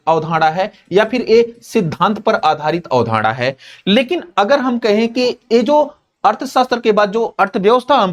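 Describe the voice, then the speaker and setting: High-voiced man teaching an exam-prep lesson. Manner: repeats key points as quick questions to the students; calls students "babu" and checks in with "theek hai na?".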